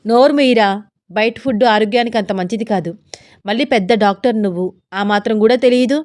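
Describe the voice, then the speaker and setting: A woman's voice: on the high side, fairly quick, darkish tone, dry recording, studio quality, lightly acted. Woman doing a fussy mother-in-law. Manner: fussing, scolding. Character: fussy caring middle-aged mother-in-law.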